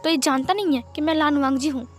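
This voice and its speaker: A woman's voice: sits high, fast talker, soft background music, natural voice. A woman voicing a curt, cold young man. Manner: curt, short replies.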